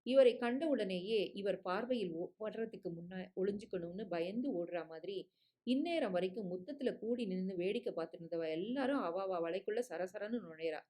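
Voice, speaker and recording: A woman narrating a short story as an audiobook, reading in a measured, expressive way. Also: medium pitch.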